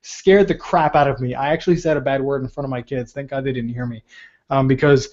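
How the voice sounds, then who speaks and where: A man's voice: mid-range voice, steady tone, brisk, a little mellow, muffled recording. Man in his 30s, webinar presenter, casual and earnest, tells rambling stories with many ums. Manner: rambling, earnest, filler-heavy storytelling. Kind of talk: casual online training talk.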